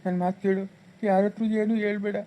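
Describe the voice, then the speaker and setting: A woman's voice: medium pitch, level tone, brisk, warm tone, natural voice. A woman playing a guilty village husband who begs his wife for forgiveness, speaking with a rural Chikkaballapura Kannada accent in a pleading way. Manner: pleading and begging. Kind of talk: village family drama skit.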